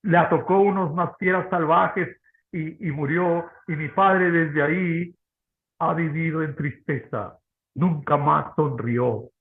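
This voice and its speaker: A man's voice: a little high, slow, roomy sound. Guy speaking as joseph's brothers, simple shepherds explaining, tinny sound. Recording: tinny phone-like audio.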